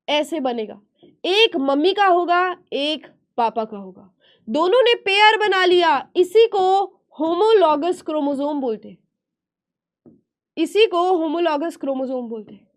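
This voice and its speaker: Very high-voiced woman teacher, slow and coaxing. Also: lively intonation. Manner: repeats questions and answers them herself, coaxing; speaks slowly and deliberately. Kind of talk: online class lecture.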